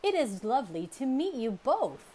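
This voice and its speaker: A woman voicing a friendly female robot in a storybook reading, polite and formal in a gentle tone. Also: high voice, very animated, normal speed, slight background noise, pitched above the performer's own voice.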